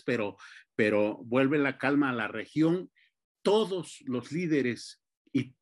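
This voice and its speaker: A man giving an academic talk, lecturing at an unhurried pace with many fillers and restarts. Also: mid-range voice. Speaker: panelist.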